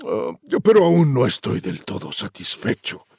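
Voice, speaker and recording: Guy putting on a sly hungry wolf, gravelly and husky, chuckles as he talks. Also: mid-range voice, huge pitch swings, measured pace, a little mellow, dry recording, clean studio sound, exaggerated voice. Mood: gloating. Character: crude hungry male wolf, sly villain.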